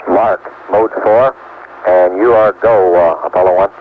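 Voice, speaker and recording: A man's voice: deep voice, steady tone, a little slow. A man working as a mission control communicator, giving clipped, matter-of-fact procedural callouts over a 1960s radio link. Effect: radio transmission. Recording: tinny 1960s radio, faint static.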